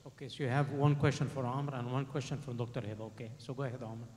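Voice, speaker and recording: A man's voice: mid-range voice, steady tone, fast, a little mellow. A man moderating a panel and explaining informally to an audience, repeating words as he goes. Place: large conference hall. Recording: reverberant hall with faint background noise.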